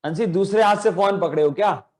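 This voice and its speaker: A man teaching a children's religion class over a video call, calling on children by name and chanting verses slowly for them to repeat. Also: high voice, a little mellow.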